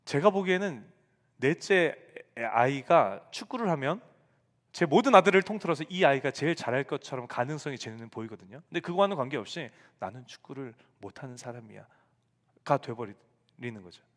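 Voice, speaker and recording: A man's voice: on the high side, lively intonation, fairly quick. A male pastor in his forties preaching a sermon to young adults, telling a family story and acting out the lines he quotes. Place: church sanctuary. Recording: reverberant church hall.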